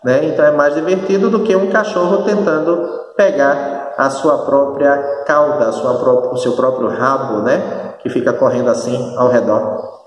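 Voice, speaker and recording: A Brazilian man with a northeastern accent, a Spanish teacher giving a recorded lesson who explains patiently and keeps checking that students follow. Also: medium pitch. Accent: Brazilian Portuguese, northeastern. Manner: slow, explanatory, checks understanding with frequent tag questions. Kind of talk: recorded remote class lesson. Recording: echoey room, voice far from the mic.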